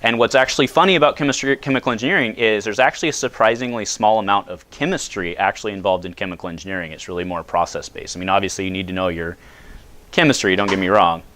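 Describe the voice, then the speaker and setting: Speaking loudly and fast, an American man in his thirties gives a casual talk to high school students as a guest speaker, asking them questions along the way.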